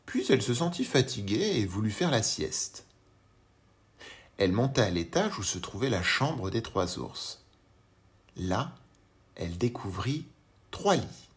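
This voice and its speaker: A man narrating a children's audiobook in an expressive storytelling manner. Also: fairly low pitch, measured pace, pauses often.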